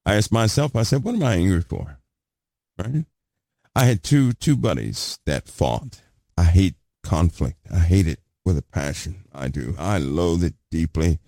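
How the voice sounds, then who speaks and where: A man's voice: deep voice, big pitch swings, unhurried, gravelly, mellow, no echo, clean studio sound. A man preaching a sermon, asking the congregation rhetorical questions and repeating phrases for emphasis.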